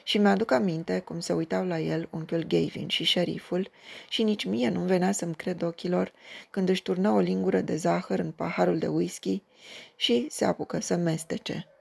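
A woman narrating a literary short story in a measured, steady way. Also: fairly low pitch, vocal fry, husky.

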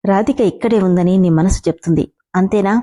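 A woman voicing a gentle, worried middle-aged mother who speaks soothingly, in a spoken storybook. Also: medium pitch, a little fast, close to an everyday voice. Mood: tender. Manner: soothing, affectionate.

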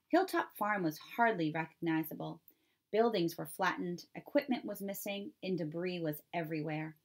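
Woman reading a children's book aloud. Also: on the low side. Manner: clear, steady storytelling. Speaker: reader. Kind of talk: children's storybook read-aloud.

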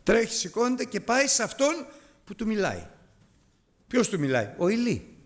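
A man's voice: high-pitched, wildly swooping pitch. A man teaching a preaching Bible lesson, firing rhetorical questions at his listeners with self-mocking asides.

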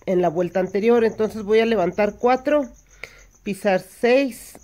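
A woman's voice: medium pitch, darkish tone. A woman teaching hand embroidery step by step, patiently counting stitches aloud and checking in with her listeners. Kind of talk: step-by-step craft tutorial.

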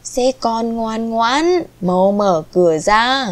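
A woman's voice: fairly high pitch, takes it slowly. Woman doing a wicked wolf faking sweetness. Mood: deceitful. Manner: coarse, mimicking.

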